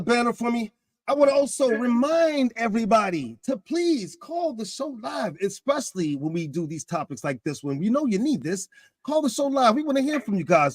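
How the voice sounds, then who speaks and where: A man in his fifties hosting a casual talk show, animated, his pitch climbing when he gets excited. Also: no room sound. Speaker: podcast host.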